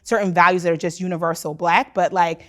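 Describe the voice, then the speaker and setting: A woman guest in a casual conversation, expressive and chatty, often asking "right?". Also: on the low side, quick pace.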